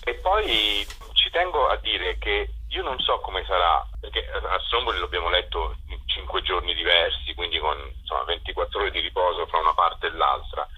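A translator being interviewed casually gives reflective, hesitant answers, searching for words as he goes. His voice sits low, pushed and bright with a breathy edge, at a moderate pace with few pauses. The audio is a dull, lo-fi phone call with a radio-like sound.

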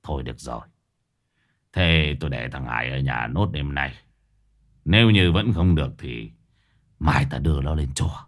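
A man playing a stern, gruff middle-aged father. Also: a bass voice, normal speed, long pauses, voice pushed down. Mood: weary. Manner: gruff, scolding.

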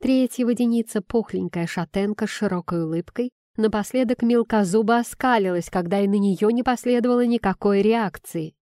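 A woman reading a first-person fantasy audiobook in an expressive storytelling manner. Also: mid-range voice, brisk, few pauses, dry recording, clean studio sound. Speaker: audiobook narrator.

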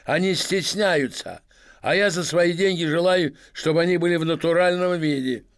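A man's voice: fairly high pitch, normal speed, voice pushed up, natural voice. A man voicing a drunk, boorish masked millionaire who bellows and mocks everyone in a storybook reading. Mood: swaggering. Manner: bellowing, mocking, swaggering.

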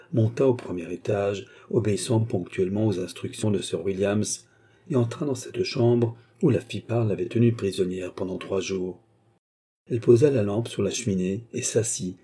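A man reading a novel aloud as narrator, dramatic and expressive. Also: on the low side, slightly rough.

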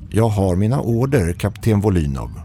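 A man's voice: lowish voice, sing-song, dark tone, a little hiss or hum, pitched above the performer's own voice. A male narrator voicing a cold, stern cosmonaut talking over the radio in clipped, formal phrases. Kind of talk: radio horror drama reading.

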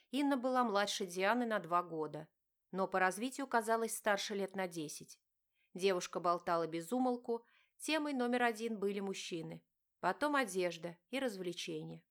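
A woman narrating an audiobook with an even, measured reading. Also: medium pitch. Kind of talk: scripted narration.

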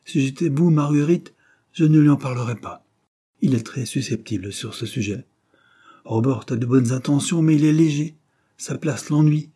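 A weary, patient father with a dry, gentle wit, read by a man. The voice is dark and a little husky, lifted slightly above the reader's own, calm and measured in a storybook. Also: medium pitch, pitched above the performer's own voice, natural voice. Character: tired, patient middle-aged tutor and father, dry humor.

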